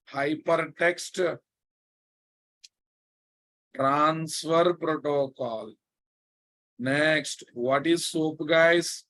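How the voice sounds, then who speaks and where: A male programming instructor with a Telugu Indian accent leads a live technical lesson. His voice sits somewhat high for a man and his delivery is very slow. He repeats key phrases with emphasis and keeps checking that the class follows. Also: a bit bright. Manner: emphatic repetition with frequent check questions to students.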